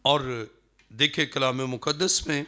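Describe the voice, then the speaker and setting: A pastor with a Pakistani Urdu accent preaches a sermon emphatically, his voice pushed and bright. He acts out the words of people in the story with swings in pitch.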